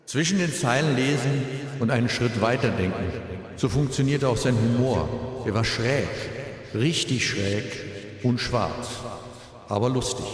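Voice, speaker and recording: A middle-aged man delivers a funeral eulogy in a large, very reverberant hall. His mid-pitched voice is measured and solemn, with deliberate pauses and a streak of dry humour. Long echoes trail behind his phrases. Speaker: bereaved father giving a eulogy.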